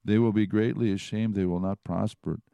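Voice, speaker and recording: A man's voice: on the low side, fairly even intonation, fairly quick, gravelly, warm tone, smooth, dry recording, muffled recording. A man teaching from the Bible in a conversational way, retelling and reading passages aloud. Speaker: preacher.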